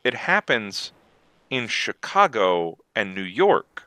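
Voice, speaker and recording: A man co-hosting a casual gaming podcast, rambling and animated as he chats. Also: lowish voice, takes it slowly, no echo. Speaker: podcast co-host.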